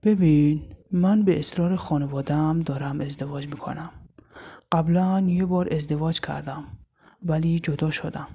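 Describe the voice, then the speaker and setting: A woman's voice: low-pitched, fairly even intonation, dark tone, husky. A woman doing a proud, cold older man. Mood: stern. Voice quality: thick, manly voice. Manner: slow, curt and mocking.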